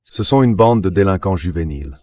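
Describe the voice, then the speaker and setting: As an interview guest, a man offers political analysis in a translated, dubbed delivery. His synthetic voice is deep and very low, animated and a little fast, with a darkish tone.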